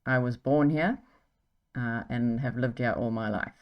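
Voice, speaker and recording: With a very deep voice and a slightly slow pace, a South African English teacher offers exam tips in an encouraging manner. She keeps checking in with "okay" and "right," and the recording is muffled.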